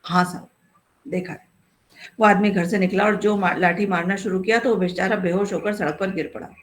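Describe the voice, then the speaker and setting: A woman's voice: mid-range voice, fairly even intonation, brisk, natural voice. Woman as meek pleading crooks, submissive, storybook reading. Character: timid group of petty criminals.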